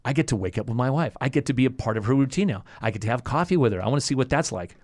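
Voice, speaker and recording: Animated man telling a story. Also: mid-range voice, racing. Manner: animated storyteller acting out quoted voices. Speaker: podcast guest, former radio host. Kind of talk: casual storytelling.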